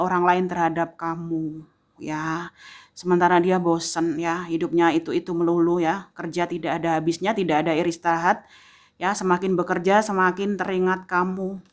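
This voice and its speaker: A woman giving a tarot reading, speaking straight to the viewer and tagging most phrases with a soft "ya". She repeats phrases slowly for emphasis. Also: fairly low pitch, little pitch movement. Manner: addresses the viewer directly, filling pauses with a frequent "ya"; slow, emphatic repetition of phrases. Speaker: tarot reader.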